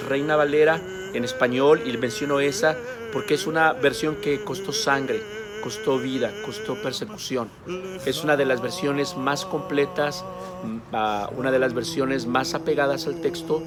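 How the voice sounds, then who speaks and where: A man's voice: medium pitch, steady tone, moderate pace, loud music behind the voice. A man giving an earnest sermon-style teaching, emphatic and speaking straight to the listener. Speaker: preacher.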